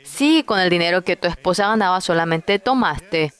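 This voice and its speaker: Preacher doing Satan, evil spirit, accusing, scolding, harsh, pitch climbing high, smooth clear voice. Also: expressive, normal speed, a bit bright, close to an everyday voice.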